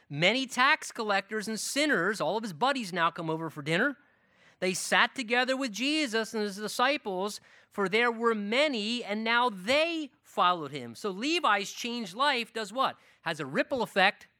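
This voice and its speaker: A man preaching a sermon as pastor, emphatic and animated, building his points through long lists of phrases. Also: high-pitched, no echo, studio quality.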